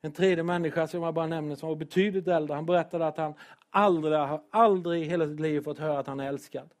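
A man preaching a sermon in church as pastor, earnest and emotional, at times loud and joking at his own expense. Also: on the high side, steady tone. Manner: earnest, emotional, sometimes loud with self-deprecating humor.

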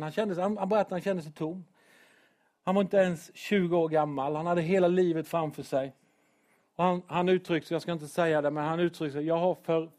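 A man preaching a sermon in church as pastor, earnest and emotional, at times loud and joking at his own expense. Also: on the high side. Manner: earnest, emotional, sometimes loud with self-deprecating humor.

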